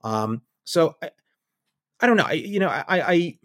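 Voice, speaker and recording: A man's voice: fairly high pitch, big pitch swings, normal speed, a bit bright, no echo, studio quality. A man as a guest analyst in a conversational podcast interview, thinking aloud with wry asides. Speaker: guest analyst on militia groups.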